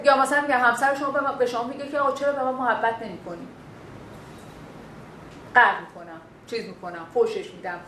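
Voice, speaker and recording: A female instructor of Bakhtiari heritage gives a lively, animated classroom lecture on communication, often slipping into quoted lines of dialogue to make her points. Her voice sits a little high. The room echoes, with faint background noise.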